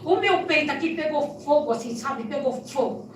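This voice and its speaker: A woman giving an emotional testimony in a church, telling her story in an animated way with frequent tag questions. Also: sits high, moderate pace. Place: church sanctuary. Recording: echoey church hall, distant mic, soft music.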